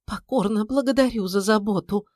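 A woman voicing a hysterical, pleading middle-aged wife with a shrill, tearful manner. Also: animated, unhurried, dry recording, clean studio sound. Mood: bitter.

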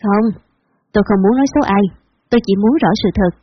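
A woman's voice: medium pitch, close to an everyday voice. Woman reading a careful, earnest male journalist. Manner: careful, measured. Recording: dull lo-fi recording.

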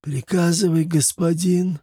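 A man voicing a vicious, then servile, bandit sorcerer who rasps and shouts. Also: on the high side, steady tone, measured pace, no room sound, clean studio sound, voice pushed up. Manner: hoarse rasping shouts.

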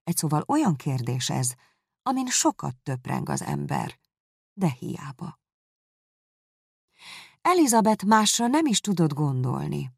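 Low gravelly woman narrating. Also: very animated, pauses often, no echo, clean studio sound. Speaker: audiobook reader. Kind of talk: scripted narration.

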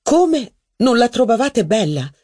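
A man's voice: measured pace, slightly rough, exaggerated voice. A man reading an audiobook, voicing a haughty, witty duchess who gossips with mocking flair. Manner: mocking, gossipy, lively pitch. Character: haughty witty middle-aged aristocratic duchess.

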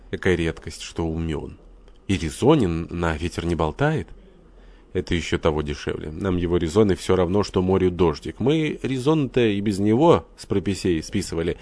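A man's voice: low-pitched, lively intonation, moderate pace, darkish tone. A man reading a blunt old major who mocks with folksy sayings. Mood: mocking. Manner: curt, mocking. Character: blunt sardonic old major, gruff skeptic.

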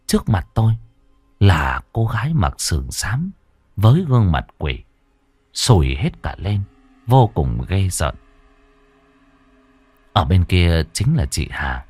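Male ghost-story narrator, very expressive, dry studio sound. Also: sits low, slow pace, long pauses, breathy edge, dry recording. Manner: dramatic, swinging delivery.

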